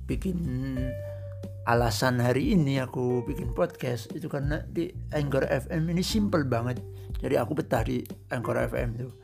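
A man's voice: mid-range voice, normal speed, vocal fry, music in the background. A man hosting his own podcast, talking in an easygoing, rambling, conversational way. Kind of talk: casual solo podcast monologue.

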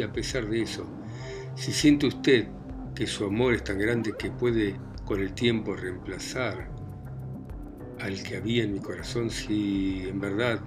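A man voicing an emotional young woman torn in love in an audiobook, pleading and halting, with music behind. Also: on the low side, pitched below the performer's own voice, natural voice. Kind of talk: audiobook reading.

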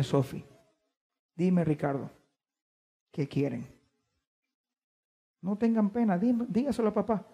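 A man preaching a sermon to his congregation, stressing key words by drawing them out slowly and putting questions to his listeners. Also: sits high, warm tone, husky, big-room sound. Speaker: pastor. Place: church.

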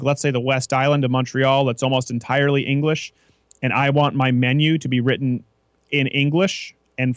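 In a dry, studio-quality recording, an opinionated male radio host from Canada talks casually in a mid-range voice. His explanations run on at length, with frequent restarts.

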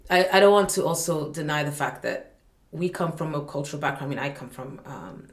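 This podcast guest, a woman from Malawi representing humanitarian staff, has a deep voice with lively intonation and a brisk pace, and the sound is roomy. She speaks with earnest intent, often doubling back through fillers and restarts.

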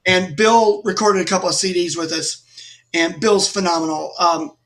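A high-pitched middle-aged man from Texas, guest on a casual interview. He tells stories with energy, acting out the lines of other people. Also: normal speed. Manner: animated anecdotes with lively acted-out quotes. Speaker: guest musician.

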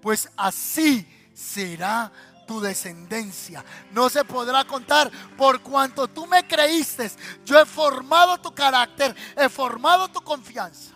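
A man voicing God in a sermon, speaking slow, measured, emphatic words over a high, bright voice. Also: faint music behind, full character voice. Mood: solemn. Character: God speaking to Abraham, solemn male voice.

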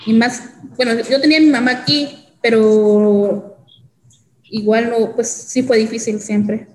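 A young woman from El Salvador, telling her own story as an interview guest in a halting way, with many fillers and restarts. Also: a little high, fairly even intonation, darkish tone, echoey room, low-quality recording. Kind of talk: hesitant personal testimony.

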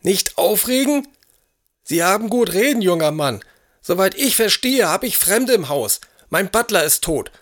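A high, querulous old aristocrat in an audio drama, forever demanding and indignant. He barks orders with a lord's impatience. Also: big pitch swings, measured pace, fairly bright tone, heavily acted. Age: older. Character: elderly, imperious, irritable English aristocrat.

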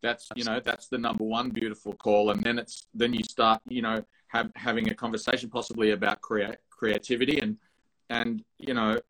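A man's voice: lowish voice, flat delivery, normal speed, a bit bright, rough recording. A man hosting a casual chat show, asking long, rambling questions full of restarts and effusive praise. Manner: rambling, effusive, stumbling over words. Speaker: show host.

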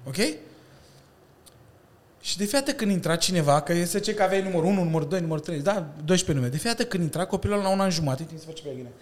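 A man in his thirties, a breakdancer and stuntman, chatting as a podcast guest and telling lively stories with slang and laughter. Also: sits high. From Romania. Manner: animated storytelling with slang and laughter. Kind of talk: casual chat.

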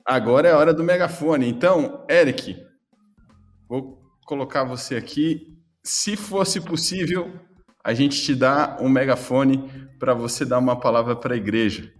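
A man's voice: medium pitch, unhurried, soft background music. A man with a Brazilian accent hosting a podcast in a casual, chatty style. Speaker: podcast host.

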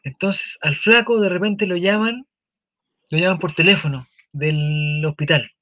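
A Chilean man hosting a casual talk show, animated and swearing as he tells a story. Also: sits high, unhurried, no room sound, muffled recording.

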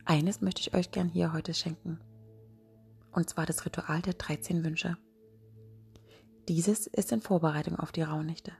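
Breathy, low-voiced woman speaking softly into your ear. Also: fairly even intonation, measured pace, long pauses. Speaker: podcast host. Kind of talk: soft, slow guided relaxation narration. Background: music.

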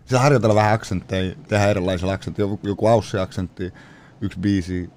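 A man's voice: low-pitched, steady tone, darkish tone, a little hiss or hum. A man in casual chat, slangy and loose, slipping into rapped and sung lines. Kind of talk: casual chat with freestyle rapping.

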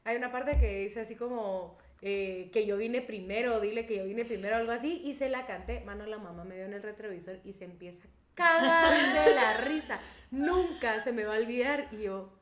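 A woman's voice: on the high side, lively intonation, normal speed, echoey room, a crowd in the background. A young woman with a Guatemalan accent, telling self-mocking stories in slangy, casual chat with friends. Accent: Guatemalan Spanish.

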